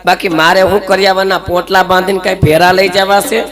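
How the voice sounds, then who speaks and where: A man in a folk stage comedy, voicing a boastful, sharp-tongued older mother-in-law who teases and scolds. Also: high-pitched, flat delivery, a little fast, music in the background, natural voice. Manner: teasing, scolding, bragging. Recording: live stage show with loud crowd.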